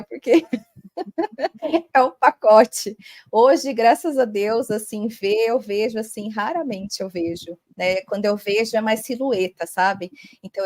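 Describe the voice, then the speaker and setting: A woman's voice: mid-range voice, a little mellow, dry recording. A woman, a holistic therapist, telling a long personal story as a podcast guest, chatty and full of tag questions.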